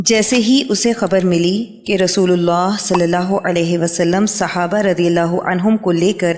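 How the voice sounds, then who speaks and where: A woman reading a religious history book aloud in a steady, measured way, announcing each new heading. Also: fairly low pitch. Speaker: book reader. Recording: long hall reverb.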